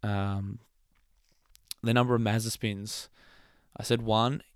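A man's voice: lowish voice, flat delivery, takes it slowly, clean tone, no echo. A young man hosting a casual motorsport podcast, chatty, laughing often and trailing off mid-thought. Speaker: podcast host.

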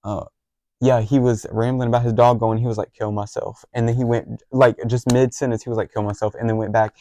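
A man's voice: mid-range voice, level tone, a little fast, dark tone, no echo. A teenage boy co-hosting a podcast, telling school stories in a rambling way with lots of fillers. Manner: rambling with many fillers and restarts. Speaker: podcast co-host. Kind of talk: casual chat, storytelling.

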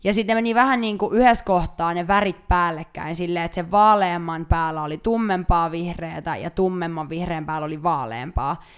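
Chatty young woman, low smooth voice. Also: hardly any pauses. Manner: rambling, chatty storytelling with many fillers. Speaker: podcast co-host. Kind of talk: casual chat.

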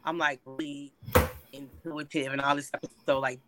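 A woman's voice: extremely low pitch, flat delivery, moderate pace, heavy background noise. A middle-aged woman talking casually as an interview guest over a video call, her audio breaking up and cutting off word endings while she rambles and restarts her sentences. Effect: choppy video-call audio, cutting out mid-word. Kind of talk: casual chat.

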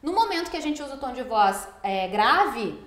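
A woman's voice: sits high, very animated, moderate pace, fairly bright tone. A woman dog trainer explaining behaviour in a podcast, teaching patiently and ending points with tag questions. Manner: didactic, frequent tag questions. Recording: roomy echoey studio room.

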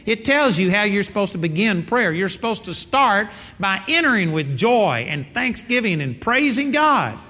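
A man's voice: high voice, very animated, normal speed, hardly any pauses, pushed and bright. A man preaching a sermon in an earnest, emphatic way, repeating his key phrases. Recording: dull sound in a reverberant hall.

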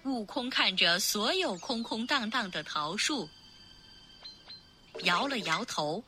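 Woman reading a kids story real slow, bright lively voice, faint music behind. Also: medium pitch. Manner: clear, expressive, unhurried. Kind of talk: children's storybook narration.

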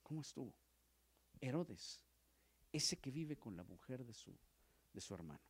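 A man teaching a Bible study as a pastor, animated, asking his listeners questions, dropping to near-whispers and rising loud when he acts out quotes. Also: mid-range voice, measured pace, slightly rough. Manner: asks the audience questions, repeats words.

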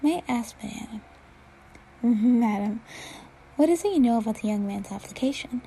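A woman reading as a calm, warm-voiced old man. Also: on the high side, normal speed, gravelly, slight background noise, low-quality recording. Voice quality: rich warm voice. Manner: calm, unruffled. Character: calm, thoughtful old male teacher. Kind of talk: fan fiction read-aloud.

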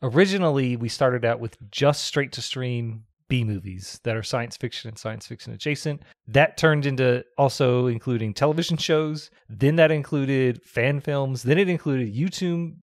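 A man's voice: mid-range voice, dry recording, clean studio sound. A man co-hosting a podcast in casual chat, his face half numb from the dentist. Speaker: podcast co-host.

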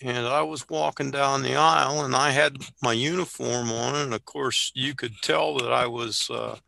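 Older male guest with a heavily gravelly, bright voice in a dry room, a halting, reflective storyteller. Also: mid-range voice, fairly even intonation, dry recording. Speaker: guest, Navy veteran. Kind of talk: casual conversation and storytelling.

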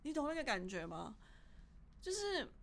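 A woman co-hosting a podcast in a casual, heartfelt chat with a Taiwanese Mandarin accent, halting and repeating words as she speaks. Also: high voice, sing-song, gravelly, fairly bright tone. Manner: emotional, halting, repeats words when upset. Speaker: podcast co-host.

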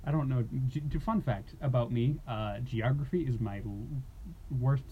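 A man's voice: mid-range voice, moderate pace. A man co-hosting a casual podcast chat, rambling with many restarts and casual swearing. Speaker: podcast co-host. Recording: dull lo-fi sound with faint noise.

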